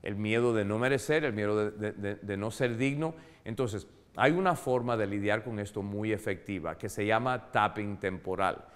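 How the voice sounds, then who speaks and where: A man's voice: on the low side, normal speed, few pauses. A man giving a motivational talk in an earnest, repetitive way, with many fillers and restarts. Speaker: motivational speaker. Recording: long hall reverb.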